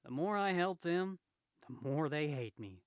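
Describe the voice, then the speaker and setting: Man acting cocky, high-pitched Spider-Man, theatrical. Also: expressive, unhurried, clear, resonant tone, dry recording, clean studio sound. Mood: aggrieved, complaining. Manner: theatrical, quippy, exclamatory. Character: wisecracking, swinging comic-book superhero, cocky then aggrieved. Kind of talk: comic book read aloud in character.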